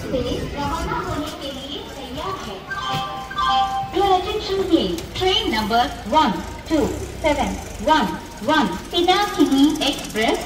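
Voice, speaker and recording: A woman making a formal train station announcement over a public address loudspeaker, reading slowly and evenly. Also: sits high. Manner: slow, formal, measured reading. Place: railway station platform. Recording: echoey loudspeaker from far off in a noisy crowded station.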